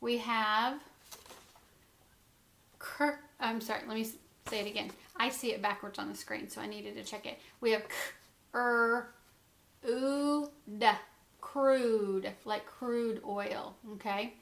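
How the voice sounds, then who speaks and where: A woman's voice: mid-range voice, fairly even intonation, unhurried, gravelly, reverberant. A middle-aged woman teaching a phonics lesson to young children from home, patiently sounding out letters and syllables.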